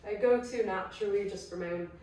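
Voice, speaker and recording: A woman with a croaky voice from illness leads a chatty, encouraging guided exercise class at home. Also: mid-range voice, fast talker, dark tone, a little hiss or hum. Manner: chatty, encouraging, self-correcting. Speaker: pilates instructor. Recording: very echoey room, distant mic, faint ambience.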